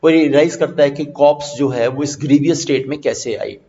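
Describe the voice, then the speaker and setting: A man teaching vocabulary in an online lesson, mixing Hindi and English, reading English definitions slowly and then explaining them quickly. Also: fairly high pitch, dark tone, muffled recording.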